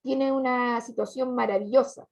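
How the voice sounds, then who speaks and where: A woman's voice: on the high side, fairly even intonation, moderate pace, vocal fry, darkish tone. A woman, teaching a class patiently, asking questions and repeating students' answers. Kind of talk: online class lesson. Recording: dull lo-fi recording.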